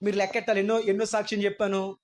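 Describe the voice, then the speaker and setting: High-voiced preacher building to impassioned shouts. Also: male voice, little pitch movement, racing. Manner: questions the congregation, rising to impassioned shouts. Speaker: pastor. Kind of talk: Easter sermon. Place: church hall.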